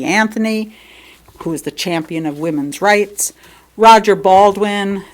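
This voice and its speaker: An American woman serving as a lay speaker reads a sermon from a script. Her medium-pitched voice phrases it in a measured, deliberate way.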